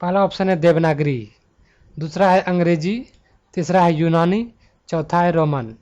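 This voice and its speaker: High-voiced male tutor, lo-fi recording. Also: fairly even intonation, a little mellow. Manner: talks students through multiple-choice answers; slows to spell out letter lists one by one. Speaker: Hindi grammar teacher. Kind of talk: online exam-prep lesson.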